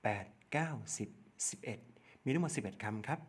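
A man with a Thai accent teaching young children English numbers, spelling out letters one at a time and repeating each word slowly. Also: mid-range voice, animated, husky. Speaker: primary school English teacher. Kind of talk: slow step-by-step lesson narration.

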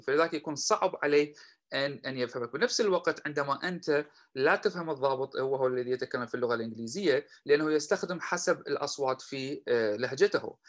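Man teaching slowly, then explaining quickly. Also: mid-range voice, fairly bright tone, low-quality recording. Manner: slow, drawn-out repetition when modeling phrases; quick and explanatory between examples. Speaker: language teacher. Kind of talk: teaching lesson.

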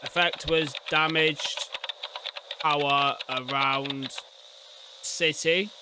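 Very slowly and with fairly even intonation, a young adult man in a home room gives casual, slangy reaction commentary, swearing bluntly and muttering asides. His voice sits on the high side; he uses a close desk condenser mic and a headset, and the background is noisy.

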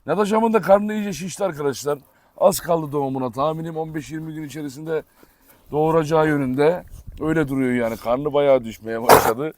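A man filming a casual vlog outdoors in a yard, talking fondly to his dogs and explaining to viewers, with sharp commands now and then. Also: fairly high pitch, brisk, a little hiss or hum. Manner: affectionate baby talk to dogs, sharp commands. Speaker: dog breeder vlogger. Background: dogs barking.

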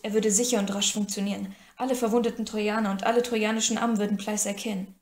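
A woman narrating an audiobook in first person in a calm, even storytelling voice. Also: mid-range voice, quick pace. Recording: echoey room.

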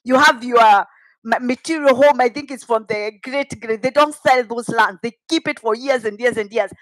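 A woman's voice: on the high side, normal speed, fairly bright tone, no room sound, rough recording. A middle-aged woman with a Kikuyu Kenyan accent, telling a personal story in a dramatic, emphatic way on a headset mic. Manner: dramatic, emphatic, with rhetorical questions. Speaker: vlogger telling own life story. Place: home kitchen, indoors.

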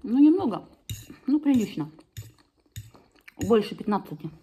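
A woman's voice: a little high, very animated, measured pace, mellow, slight background noise. A middle-aged woman chatting casually in a cafe during a mukbang, chewing while she talks. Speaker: vlogger. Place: cafe indoors.

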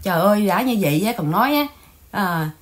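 A woman's voice: medium pitch, lively intonation, rapid-fire. Scolding Vietnamese-American woman host. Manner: scolding, mocking gossip. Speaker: channel host. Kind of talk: casual livestream chat.

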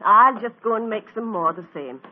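A woman's voice: medium pitch, expressive, moderate pace, slight background noise, close to an everyday voice. An actress playing Mrs. Hudson, a fussing, motherly older landlady who teases, in a 1940s radio drama. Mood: teasing. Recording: tinny old radio broadcast.

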